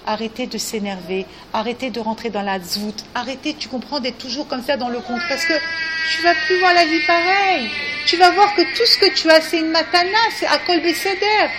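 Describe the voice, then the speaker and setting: A woman's voice: sits high, moderate pace, noisy background. A woman giving earnest spiritual guidance to a group, coaxing and often asking if they understand. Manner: earnest, coaxing, repeats questions. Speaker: religious teacher.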